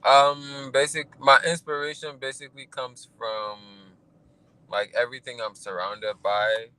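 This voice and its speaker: A young man from Liberia, raised in Ghana, answering interview questions about his music in a soft, hesitant way with many fillers. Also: medium pitch, little pitch movement, a little slow, clean tone, dry recording, low-quality recording. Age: young adult. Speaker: musician guest. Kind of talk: interview answers over a call.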